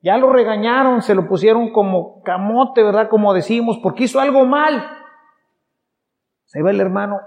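A man's voice: sits high, normal speed. A man with a Mexican accent preaching a sermon in a casual, conversational way, acting out little everyday scenes. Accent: Mexican Spanish. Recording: dull sound with long hall reverb.

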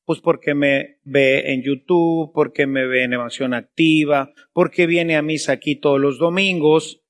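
Male priest, sermon, rhetorical questions, slightly high voice. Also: fairly even intonation, moderate pace.

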